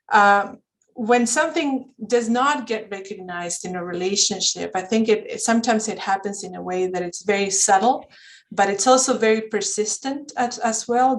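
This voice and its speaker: Over a rough-sounding video call, a medium-pitched woman who grew up speaking Spanish talks reflectively as a panel counselor. Her conversational remarks are thoughtful, with frequent pauses to find words and restarts.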